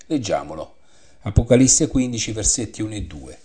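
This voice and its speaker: A man teaching a Bible study, reading scripture aloud and explaining it in a measured way that repeats the references. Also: on the low side, lively intonation, mellow, slightly rough.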